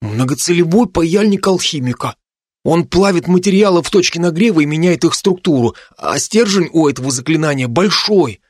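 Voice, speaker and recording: A pedantic schoolboy alchemist, as a man puts him on for an audiobook, a little higher than the narrator. He explains things precisely and a bit touchily. The sound is dry and close. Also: lively intonation, normal speed, no echo. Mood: explaining.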